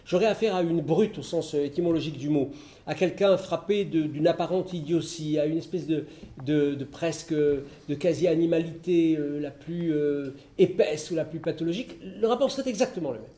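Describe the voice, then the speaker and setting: Speaking fairly quickly in a warm, slightly high voice, a middle-aged man lectures on philosophy and takes questions from the audience. He thinks aloud, restarting often and using lots of fillers, and the hall recording is echoey.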